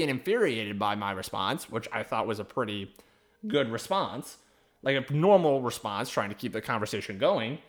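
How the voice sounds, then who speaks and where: A man's voice: medium pitch, fairly bright tone. A young man hosting a podcast, telling a story in a rambling, wry, profane way. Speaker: podcast host. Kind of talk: casual storytelling.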